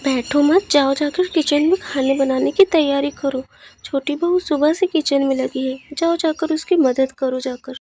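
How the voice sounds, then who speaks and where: A woman's voice: sits high, unhurried, darkish tone. A woman voicing a stern, scolding mother-in-law in a cartoon story. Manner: bossy, scolding.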